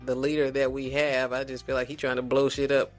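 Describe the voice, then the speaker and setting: A man from South Carolina, a podcast guest in casual conversation, talking in a reflective, unhurried way with many restarts. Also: mid-range voice, little pitch movement, soft background music.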